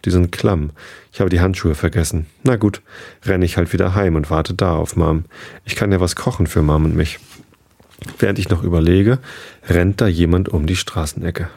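Low-voiced man with a gravelly, dark tone narrating a kids' story. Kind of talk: scripted narration of a children's story.

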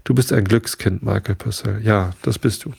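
A man reading a storybook and voicing a peasant wife, lifting his creaky voice. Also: fairly low pitch, moderate pace, a little mellow, dry recording, full character voice. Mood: delighted. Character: delighted peasant wife, woman.

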